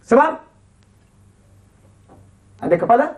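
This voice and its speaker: A Quran recitation teacher with a Malaysian Malay accent, chanting slow model verses and then quickly explaining and quizzing pupils. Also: mid-range voice, big pitch swings, a little mellow. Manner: quizzing pupils with short questions. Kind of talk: classroom lesson with call-and-response.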